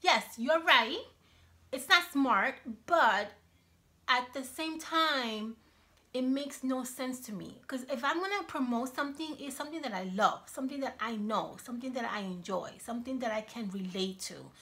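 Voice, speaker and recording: A chatty, animated woman from Cuba, in her thirties, filmed on a phone on a stand in her kitchen at home. Her voice sits a little high and sounds bright and sharp. She talks freely and gestures as she speaks, in an easygoing vlog style. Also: normal speed. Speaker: YouTube vlogger. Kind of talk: casual Q&A vlog. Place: home kitchen, indoors, small room. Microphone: iPhone on a selfie stand.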